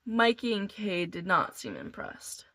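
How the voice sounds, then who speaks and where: A woman reading a novel aloud in a deliberate way, sometimes restarting a phrase. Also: medium pitch, sing-song, vocal fry, fairly bright tone. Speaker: reader.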